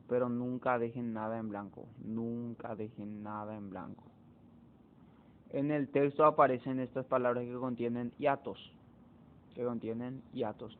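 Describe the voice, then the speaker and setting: A man teacher, walking students through exam answers slowly, repeating key words to drive them home. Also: medium pitch, a little hiss or hum. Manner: slow, repetitive explaining, repeats key words. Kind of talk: exam walkthrough lesson. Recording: tinny phone-like audio.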